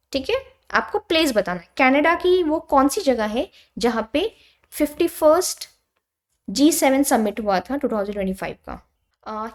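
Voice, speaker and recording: High-voiced Indian woman teaching a lesson. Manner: explains patiently and checks in with listeners. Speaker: exam coaching teacher. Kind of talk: explanatory lecture mixing Hindi and English.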